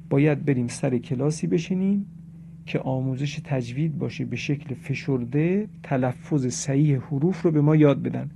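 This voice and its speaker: A man's voice: medium pitch, vocal fry, dark tone. A man teaching a religious lesson on correct Quran pronunciation, explaining in a lecturing way and reciting Arabic examples. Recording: dull lo-fi recording with faint noise.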